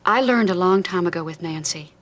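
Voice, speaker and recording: A husky-voiced, calm counselor. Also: female voice, lowish voice, fairly quick. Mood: earnest. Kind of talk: soap opera acting.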